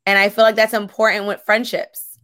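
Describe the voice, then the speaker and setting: A woman's voice: mid-range voice, level tone, bright, forceful tone, no room sound. Reflective woman in dry-sounding chat. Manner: reflective, halting, restarts mid-sentence. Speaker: podcast co-host, dance and Pilates teacher. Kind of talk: casual chat.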